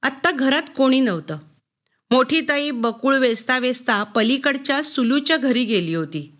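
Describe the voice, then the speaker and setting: A woman reading her own story aloud in an expressive first-person narration. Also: high voice, moderate pace.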